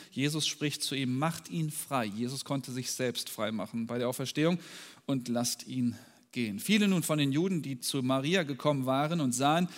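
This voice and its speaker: A man preaching a sermon, dramatic, swinging from soft to loud when he quotes scripture. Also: mid-range voice. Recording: long hall reverb.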